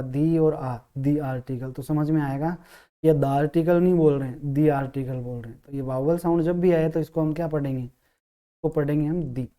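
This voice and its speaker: A man's voice: fairly high pitch, dark tone, clear, resonant tone. Man explaining grammar with rhetorical questions. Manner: sounds out syllables slowly. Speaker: English teacher. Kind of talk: grammar lesson.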